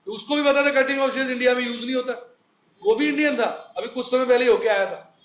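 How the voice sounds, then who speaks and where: A man's voice: very high voice, fast, fairly bright tone. A male accounting teacher giving a chatty recorded lecture, asking the class questions and answering them himself. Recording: echoey room.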